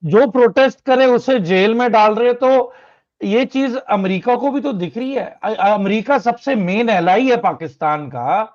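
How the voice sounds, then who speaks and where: A man's voice: sits high, animated, measured pace, darkish tone, no room sound, lo-fi sound. A man on a political panel who asks questions and addresses the others as sir.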